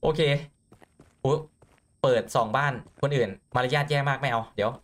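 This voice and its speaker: A young man giving excitable let's play commentary on a horror game. He gets jumpy and stammers, repeating words when startled. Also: medium pitch, moderate pace. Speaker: gaming YouTuber.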